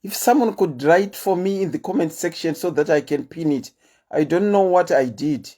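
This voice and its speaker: A deep-voiced woman with a Zimbabwean accent hosts a casual livestream, chatting and telling stories in an animated way at a moderate pace.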